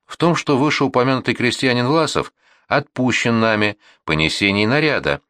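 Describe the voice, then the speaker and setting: A man reading a war memoir aloud as an audiobook narrator, with an expressive, measured delivery. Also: mid-range voice, no room sound, studio quality.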